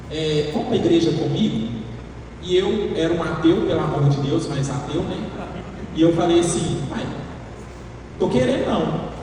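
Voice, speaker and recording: A man in his thirties tells his story to a church crowd and acts out every quoted line. His voice sits a little high for a man. The sound is picked up from a distance and rings through a large, reverberant hall with clear background noise. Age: 30s. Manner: animated storytelling, acting out quoted lines. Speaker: worship leader and singing teacher. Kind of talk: church talk to a live audience.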